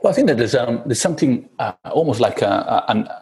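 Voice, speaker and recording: A man's voice: mid-range voice, very animated, fast talker, a little mellow, breathy edge. A man, a guest author, explaining an idea in a conversational way, with many fillers, hesitations and restarts.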